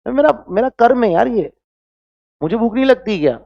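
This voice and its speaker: A man's voice: very high-pitched, lively intonation, moderate pace, vocal fry, no room sound, muffled recording. A man teaching chemistry in an online class, constantly quizzing students with rhetorical questions and mixing in English phrases, with scolding, motivational asides. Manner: mixes Hindi with English phrases.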